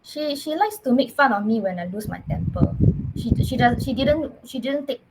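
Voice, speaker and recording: A woman with a Singaporean English accent telling her own story as a podcast guest, earnest and halting, often restarting her words. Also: high-pitched, lively intonation, very noisy. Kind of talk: personal storytelling in casual chat.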